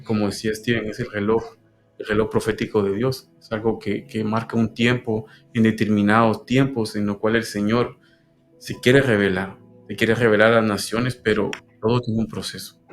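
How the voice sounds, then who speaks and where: Guatemalan man, low earnest voice, faint music underneath; faith talk co-host. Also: level tone. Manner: earnest, halting. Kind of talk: religious discussion.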